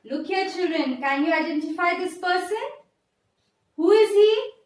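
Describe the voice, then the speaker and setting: A woman teacher reading a story aloud to young children in a slow, deliberate way, asking the class questions and going over each part again. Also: very high-pitched, lively intonation. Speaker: schoolteacher. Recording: echoey room, voice from far off.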